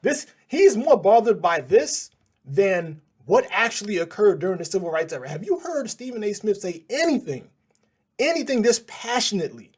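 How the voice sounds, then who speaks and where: A man's voice: sits high, a little mellow, husky. A man hosting a news channel, reacting to clips in a casual, sarcastic and exasperated way.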